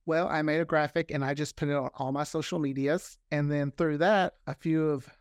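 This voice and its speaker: This guest, an audio drama creator, has a clear, resonant voice on the high side and talks a little fast. He chats casually and acts out quoted lines as he spins his stories, and the studio sound is clean with no echo.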